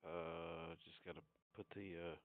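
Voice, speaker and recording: A man's voice: low voice, little pitch movement, a little slow, no echo. A man co-hosting a live stream from a remote call, chatting casually and rambling through fillers as he searches for words. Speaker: co-host. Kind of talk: casual chat over a call. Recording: dry, tinny call audio.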